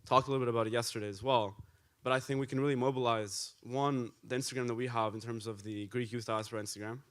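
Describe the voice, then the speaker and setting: A man's voice: mid-range voice, fairly even intonation, fast talker. A young man speaking as a student panelist, upbeat and articulate. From Canada. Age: young adult. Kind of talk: panel discussion.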